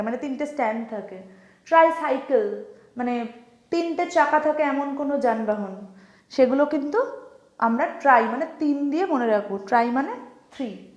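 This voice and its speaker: A woman whose high voice is a little mellow, recorded with a roomy sound, teaches English pronunciation in Bengali, explaining syllables with written examples. Patient and slow in repeating words, she keeps checking in with "কেমন?" to make sure students follow.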